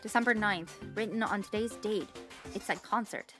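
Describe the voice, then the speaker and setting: A woman's voice: mid-range voice, normal speed, a bit bright, faint music behind. A woman streamer reading the text of a story game aloud, stumbling over unfamiliar words with light asides.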